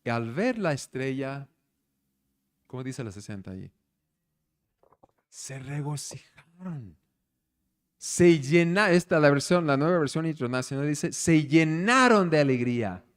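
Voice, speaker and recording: Lively, animated male pastor preaching. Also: on the high side, measured pace, long pauses, clean tone. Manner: animated storyteller, asks the congregation questions. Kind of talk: conversational sermon. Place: church service.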